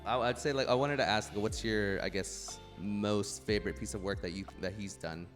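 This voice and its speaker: A young man with a low voice hosts a casual interview, feeling his way through each question with pauses and restarts. Soft music sits faintly behind him. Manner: hesitant, many fillers and restarts while asking questions. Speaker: host.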